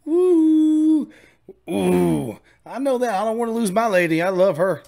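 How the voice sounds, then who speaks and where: A man's voice: high voice, quick pace. Upbeat man hosting a reaction. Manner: enthusiastic, exclaims and chats over the music. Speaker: reaction channel host. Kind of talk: casual reaction commentary. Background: faint music playing.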